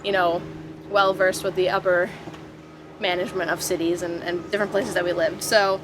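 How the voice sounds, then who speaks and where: A young adult woman with a lowish voice talks at a normal pace over some background noise, chatting casually as a podcast guest inside a van. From the Washington DC area but raised abroad, she tells stories with animation, acts out quotes, and laughs often.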